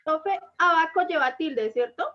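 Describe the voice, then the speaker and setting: A woman's voice: extremely high pitch, unhurried, bright, forceful tone, dull audio. A woman student asking her teacher tentative, hesitant questions in class.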